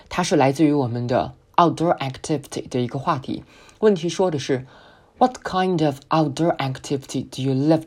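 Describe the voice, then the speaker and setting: A woman whose first language is Chinese, teaching an English speaking lesson and slowly modelling words for the listener to repeat. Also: sits low, a little mellow, husky. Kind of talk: spoken English pronunciation lesson.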